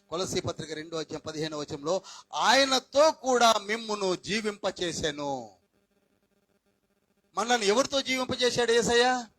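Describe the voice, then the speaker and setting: A man preaching a Pentecostal sermon, firing questions at the congregation, swinging between shouts and quiet asides, dropping in English phrases. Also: high voice, no room sound, rough recording. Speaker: pastor.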